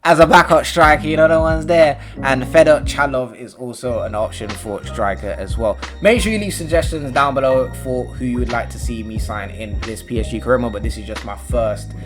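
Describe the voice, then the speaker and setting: Young guy, mid-pitch, casual rambling game commentary with bursts of loud excitement, faint music underneath. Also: a little fast, hardly any pauses. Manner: rambling and slangy, with sudden loud excited outbursts. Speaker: gaming YouTuber.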